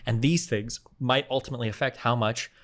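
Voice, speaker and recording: A man hosts a relaxed debate stream, his voice sitting at a middling pitch. He teases and pokes at his guest, blunt and sarcastic throughout. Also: fairly quick. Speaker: streamer host. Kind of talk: casual debate chat.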